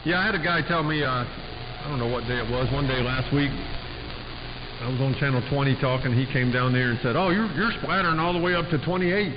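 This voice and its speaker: Fairly quick and mid-pitched, a man rambles on in a friendly, down-home way during a casual exchange between amateur radio operators, peppering his talk with radio slang. The two-way transmission is muffled and carries distinct static.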